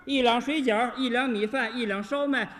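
A man in his thirties telling a comic story as lead crosstalk performer, acting out the scenes in a lively way. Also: very high-pitched, moderate pace. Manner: lively punchline delivery, acts out scenes. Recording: stage hall reverb.

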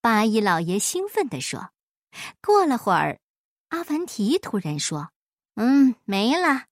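Field: storytelling. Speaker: woman reading a children's story. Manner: expressive, slow. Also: medium pitch, no room sound, studio quality. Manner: expressive, measured.

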